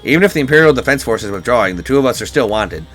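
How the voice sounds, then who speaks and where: A man's voice: mid-range voice, expressive, racing, a bit bright, faint music behind, lightly acted. A man reading out an earnest young hero.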